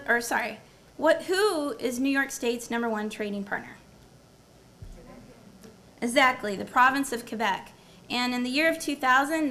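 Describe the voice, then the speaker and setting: Woman, university professor, symposium talk, quizzes the audience, somewhat high voice, gravelly, lecture room, faint background hiss. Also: pushed and bright. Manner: engaging, quizzes the audience and repeats their answers. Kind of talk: academic presentation with audience quiz.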